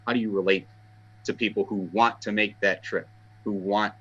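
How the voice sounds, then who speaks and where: A man, talking eagerly and a bit haltingly as an interview guest, often repeating words as he starts a sentence. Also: fairly low pitch, fairly even intonation, fairly bright tone, lo-fi sound. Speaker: guest, fan site writer. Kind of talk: casual interview talk.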